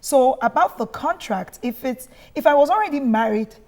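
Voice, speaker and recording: A woman, a guest on a talk show, calmly explaining her view. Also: high-pitched, normal speed. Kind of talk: studio panel discussion.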